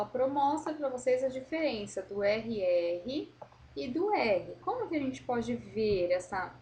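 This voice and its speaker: A woman teacher correcting a worksheet for young pupils, slowly modelling words and explaining patiently. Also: a little high, a little mellow, slight background noise. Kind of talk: correcting a school worksheet for children.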